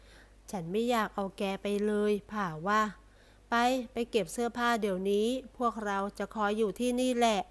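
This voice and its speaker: A woman's voice: medium pitch, steady tone, moderate pace, natural voice. A woman voicing a polite but firm young man who leads his friends.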